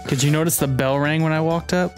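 A man's voice: on the high side, fairly even intonation, fast talker, soft background music. A man playing a video game, chatting casually, swearing and reading game text aloud. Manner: offhand, sweary. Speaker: let's play player.

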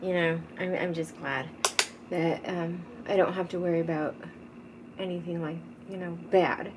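A middle-aged woman chatting casually at home while doing her makeup, rambling and often sinking to a soft murmur. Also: on the low side, fairly even intonation, moderate pace. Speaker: beauty vlogger. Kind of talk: casual makeup tutorial chat. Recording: noticeable background noise. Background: teenager gaming loudly in the background.

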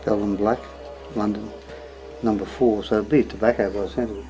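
A man's voice: fairly low pitch, fairly even intonation, a little fast, music in the background. An older Australian man guiding visitors and explaining things casually on location. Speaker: fishing and tour guide. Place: outdoors on a boat and among sandstone caves.

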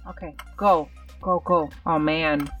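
Gaming host, woman, lowish voice, nervous self-talk over faint game music. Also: steady tone, takes it slowly, a bit bright, far from the mic, muffled recording. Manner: nervous, self-coaching chatter. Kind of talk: live gameplay commentary.

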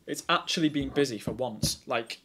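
A young man streaming as an air traffic controller, chatty and excitable between calm, clipped radio instructions. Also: medium pitch, moderate pace, husky. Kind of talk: casual streaming chat and radio calls.

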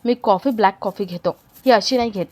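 A woman voicing a calm, protective young husband in a retold serial story, speaking softly and reassuringly. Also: mid-range voice, fairly quick, natural voice.

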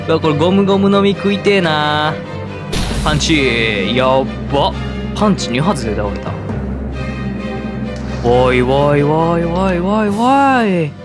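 A man with a Kansai accent giving excitable let's-play commentary, talking to himself with sudden exclamations. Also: on the high side. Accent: Kansai Japanese. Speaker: gaming channel host.

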